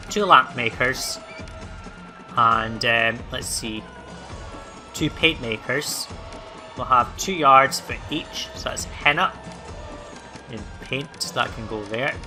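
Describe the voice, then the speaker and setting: Bright-voiced man narrating his gameplay. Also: mid-range voice. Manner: thinking aloud, relaxed, many fillers. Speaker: let's play host. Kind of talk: gameplay commentary.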